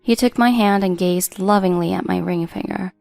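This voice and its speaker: A woman reading a first-person drama story as a narrator in a steady storytelling delivery. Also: fairly low pitch, normal speed, vocal fry, no echo, faint music behind.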